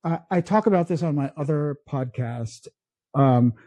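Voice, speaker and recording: Here a podcast co-host from the Philippines, a native Tagalog speaker, keeps the conversation casual while speaking slowly, stumbling and restarting often. The man's voice is slightly high and warm, with no echo in the audio.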